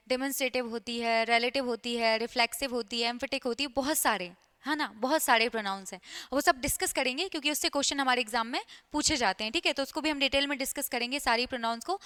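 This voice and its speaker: A woman's voice: high-pitched, bright, forceful tone, clear, resonant tone. A woman teacher giving an exam-prep lecture, repeating key points and often checking in with her students. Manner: repetitive, checks in with listeners.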